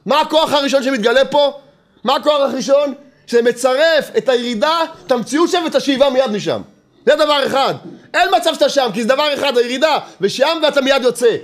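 Man teaching Torah, very high voice, insistent and repetitive, rhetorical questions. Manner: lively, mixes in humor.

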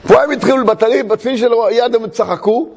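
Gravelly-voiced man telling a story. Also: very high-pitched. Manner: animated storyteller, laughs often. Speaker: religious teacher. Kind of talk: storytelling sermon. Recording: long hall reverb.

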